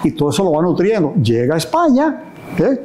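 A man's voice: sits high, fairly quick, slight background noise. Older Dominican man telling history animatedly. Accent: Dominican Spanish. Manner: animated storyteller, acts out dialogue and gestures broadly. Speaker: guest historian. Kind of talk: storytelling interview answers. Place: indoor living room set. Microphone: lapel mic.

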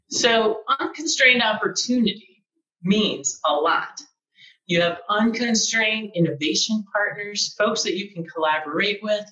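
A woman in her forties giving a scripted keynote from her living room, upbeat and measured. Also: medium pitch, sharp tone. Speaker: chief executive giving a keynote. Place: sunlit living room at home, indoors. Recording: roomy, distant, dull lo-fi sound.

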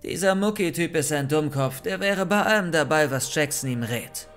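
A man's voice: a little high, animated, moderate pace, a bit bright, soft background music. A man reading as a gloating woman villain. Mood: cold gloating. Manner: mocking, gloating. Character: scheming young woman villain, cold and taunting.

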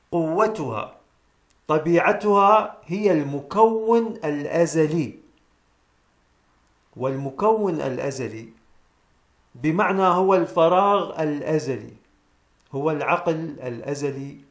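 Guy doing a slow spiritual talk, says the big lines twice, kinda high voice, roomy echo. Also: animated. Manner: repeats key phrases slowly for emphasis; addresses listeners as brothers and sisters. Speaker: presenter of a spiritual self-help series. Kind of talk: solemn metaphysical teaching monologue. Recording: echoey room sound.

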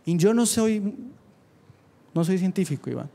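A man preaching to young people with a fervent drive. His voice sits high, and he mixes earnest appeals with quick, joking asides. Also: expressive, creaky, mellow. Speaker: youth preacher. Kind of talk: sermon. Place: church youth meeting.

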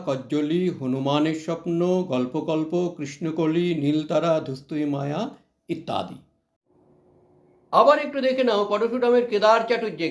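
Guy teaching lit class, reads a bit then explains with lots of ums, kinda high voice, roomy echo. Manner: reads passages aloud then explains with fillers. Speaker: Bengali literature teacher. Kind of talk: line-by-line text explanation lesson.

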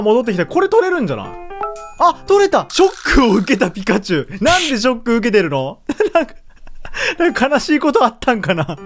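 A woman giving casual let's-play commentary, chatty and excitable, laughing often as she reacts. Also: on the high side. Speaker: gaming YouTuber.

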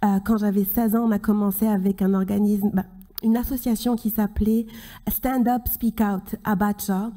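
A woman in her thirties giving a closing conference speech from a podium, earnest and halting, with many restarts. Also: medium pitch, little pitch movement, dark tone. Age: 30s. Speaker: keynote speaker. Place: large conference hall stage at a podium. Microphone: podium microphone.

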